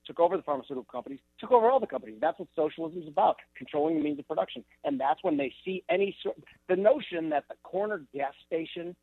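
A man as a guest analyst on a remote TV interview, exasperated and animated. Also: on the high side, fast, vocal fry, husky, dry recording. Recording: tinny phone-like remote line.

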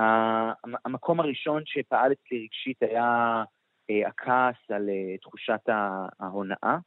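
A middle-aged man giving reflective interview answers as an author, pausing often and searching for words. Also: lowish voice, dry recording, phone-quality sound. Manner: hesitant, many pauses and fillers.

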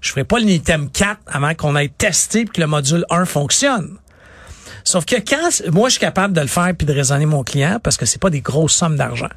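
A middle-aged man with a Quebec French accent talks in a lively, explanatory way, acting out his clients in quick quotes. His voice sits fairly high and sounds close and dry, with no room around it. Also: no room sound. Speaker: IT consultant guest. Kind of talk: radio talk interview.

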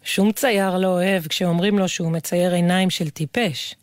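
A woman's voice: fairly low pitch, steady tone, no echo. Woman reading a story in a dry room. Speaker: co-reader. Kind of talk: reading a children's book aloud.

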